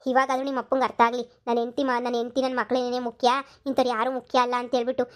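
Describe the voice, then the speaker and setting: Woman doing a fussy high village mother. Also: level tone, close to an everyday voice. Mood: gossiping. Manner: quick, anxious, pleading. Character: fussing village mother and wife. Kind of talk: cartoon comedy dub.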